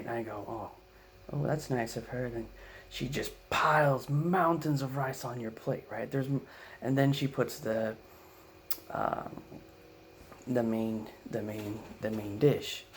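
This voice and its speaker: A man's voice: mid-range voice, a little hiss or hum. A man from the United States telling a comic family story, rambling with fillers and frequent "right?" asides. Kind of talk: comedic storytelling.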